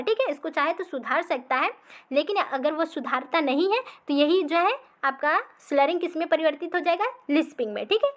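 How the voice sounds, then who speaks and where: Teaching exam practice, this woman speaks in a high, light voice with a fairly bright tone. She takes her time, restates every point, and checks in after almost each line.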